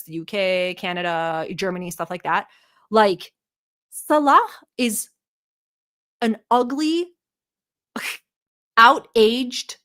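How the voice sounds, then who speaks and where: Reacting to a video on her live stream, a woman from Turkey speaks with a medium-pitched, fairly bright voice. She addresses her chat directly, and her commentary is blunt, mocking and full of profanity.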